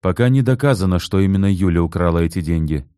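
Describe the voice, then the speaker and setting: A man's voice: low voice, lively intonation, quick pace, dark tone, clean tone, no echo, studio quality. A man voicing a stern former police officer questioning people in an audiobook reading. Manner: stern, firm, threatening.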